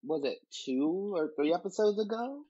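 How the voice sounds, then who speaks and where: A man's voice: high voice, expressive, moderate pace, mellow, husky. Matter-of-fact man recapping a show, lo-fi mic. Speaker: podcast co-host. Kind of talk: casual podcast chat.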